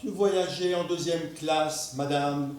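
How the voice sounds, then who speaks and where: A man playing a stiff, ceremonious gentleman. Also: a little high, fairly even intonation, distant mic. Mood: formal, wondering. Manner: slow, ceremonious, repetitive politeness. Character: polite stiff gentleman, earnest, formal. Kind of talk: stage play performance. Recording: echoey room, miked from afar.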